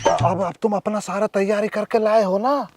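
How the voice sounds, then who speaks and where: A man's voice: sits high, fairly even intonation, moderate pace, close to an everyday voice. A man playing a sweet-talking, boastful young village conman, in a village comedy sketch. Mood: coaxing. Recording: music underneath.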